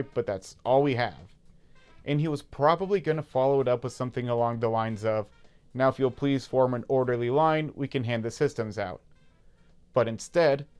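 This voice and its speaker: American man telling nostalgic stories, mid-pitched. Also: clean tone. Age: 30s. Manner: conversational, nostalgic. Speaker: video game YouTuber. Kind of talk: casual personal storytelling voice-over.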